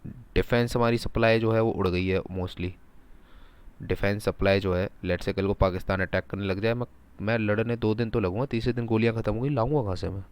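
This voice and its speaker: A man giving a casual, animated lecture, mixing Hindi and English, asking his students rhetorical questions. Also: lowish voice, fairly quick, smooth. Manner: animated, talks in first person as a country, rhetorical questions. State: sore throat. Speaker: teacher.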